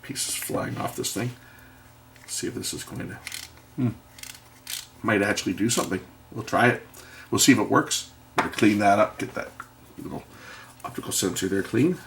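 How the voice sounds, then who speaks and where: A man's voice: on the low side, normal speed, pauses often, fairly bright tone, a little hiss or hum. A middle-aged man rambles through a wry anecdote while repairing something, muttering asides about the work. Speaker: video maker and electronics tinkerer.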